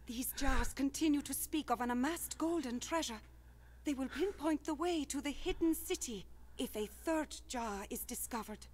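A woman voicing the solemn narrator of a puzzle game, speaking in a measured, announcing manner. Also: high-pitched, a little mellow, close to an everyday voice. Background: faint game music.

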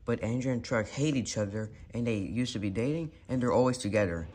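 In a mid-range, slightly mellow voice, a man runs through a homemade toy car elimination series at a fairly quick clip. The play-by-play is casual and meandering, with names called in sequence and frequent self-corrections.

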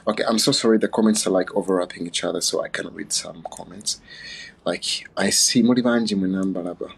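A man's voice: deep voice, a little fast, vocal fry, breathy edge, rough recording. A man from Uganda hosting a casual, playful livestream chat on his phone, chatting and laughing often. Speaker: livestream host.

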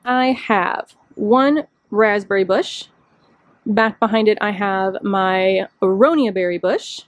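A woman's voice: medium pitch, slow pace, dry recording. Woman, casual garden vlogger, chatty and self-deprecating, dry outdoor sound on a handheld phone. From Chicago area. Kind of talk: casual walking tour narration. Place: outdoor rooftop deck. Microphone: handheld phone camera, speaker off screen.

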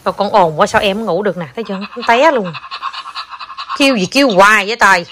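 Quick-talking young mother, coaxing. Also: mid-range voice, animated, noisy background. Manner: fast, coaxing talk with soft sung lullaby bits. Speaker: mother playing with her young child. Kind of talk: casual home chat with a child. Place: a home.

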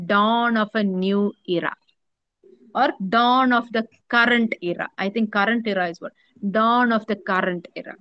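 A woman with an Indian English accent teaching a journalism class online, explaining patiently, repeating her points and pausing with many fillers. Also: on the high side, a bit bright, no room sound, muffled recording.

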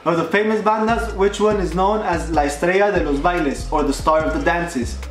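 A man's voice: high-pitched, fairly quick. A young man hosting a casual challenge vlog, joking with a friend and reading quiz questions aloud in a bowling alley. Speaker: vlog host. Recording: roomy echo with music behind.

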